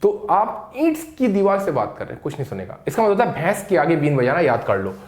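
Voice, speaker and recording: A man teaching idioms in a casual lesson, explaining in Hindi and reading examples slowly. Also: a little high, sing-song, a little mellow. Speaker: English teacher. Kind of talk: casual spoken English lesson. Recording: echoey room.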